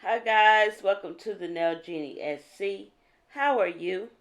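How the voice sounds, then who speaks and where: A woman from South Carolina chatting casually to camera as a nail vlogger, her voice deep and froggy from just waking up. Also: measured pace. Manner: relaxed, chatty, with fillers. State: deep morning voice.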